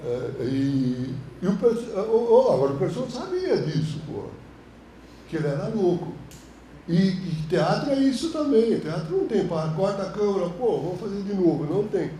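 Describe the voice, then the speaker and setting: A film director with a Brazilian Portuguese accent lectures a class through loose, slang-filled anecdotes. His voice sits high and swings widely, with a mellow tone. The room around him is roomy and echoey. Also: normal speed, slight background noise. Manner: animated, colloquial storytelling, frequent slang. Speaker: film director teaching a course. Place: university classroom.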